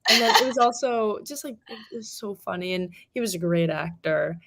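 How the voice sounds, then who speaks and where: Woman guest, medium pitch, hesitant, lots of ums, casual chat. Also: animated, normal speed, a bit bright. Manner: hesitant, searching for words. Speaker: filmmaker guest.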